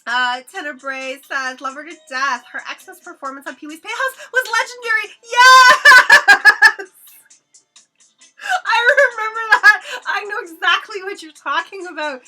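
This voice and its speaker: A young woman whose first language is Hebrew hosts a painting livestream from her home studio, chatting casually, reading viewers' comments aloud, swearing freely and laughing often. Her very high voice is pushed and bright with lively intonation, a little slow, over soft background music.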